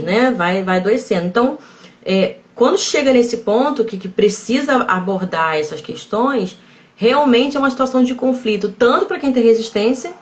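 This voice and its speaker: A woman psychologist explaining calmly in a live-stream conversation, measured and often checking in with tag questions. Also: high-pitched. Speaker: psychologist guest.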